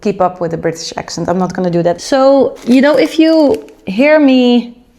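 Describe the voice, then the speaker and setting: Young Dutch woman, home vlogger, rambling and chatty, pitch sits a bit high, Dutch accent kept. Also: normal speed, dark tone, a little hiss or hum. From Netherlands. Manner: chatty, rambling, self-aware. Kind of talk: casual vlog chat while cooking. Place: home kitchen.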